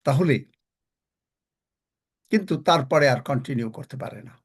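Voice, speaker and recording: A man's voice: medium pitch, a little slow, slightly rough. A man preaching a sermon, slipping English phrases into his talk, repeating lines for emphasis and putting questions to the congregation. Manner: asks the congregation questions directly.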